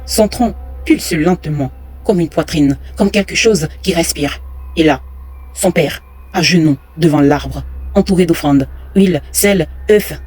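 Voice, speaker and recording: A storyteller giving a scripted horror narration with slow suspense and dramatic pauses. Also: medium pitch, darkish tone, slightly rough. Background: faint music.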